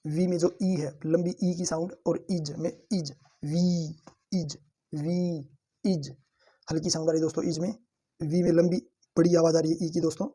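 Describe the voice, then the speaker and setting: A man teaching a shorthand lesson, saying each word slowly and several times so students can repeat after him, and calling his viewers friends. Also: on the high side, little pitch movement, mellow, husky. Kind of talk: lesson with drilled repetition.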